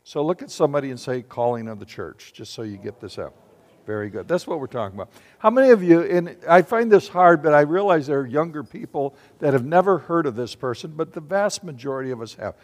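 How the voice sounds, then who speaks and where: A man's voice: fairly high pitch, animated, fast talker. A man preaching a sermon to his congregation, often putting questions to them and asking them to answer aloud. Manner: asks the congregation questions and calls for responses. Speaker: pastor. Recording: long hall reverb.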